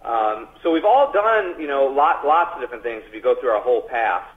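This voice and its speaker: A man with a husky, slightly breathy voice comes through a muffled, tinny speakerphone line. His talk is loose and rambling, full of crude jokes and laughter. It sounds like a casual chat on a phone call. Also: mid-range voice, expressive, brisk. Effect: on speakerphone over a phone call. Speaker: band member interviewed by phone.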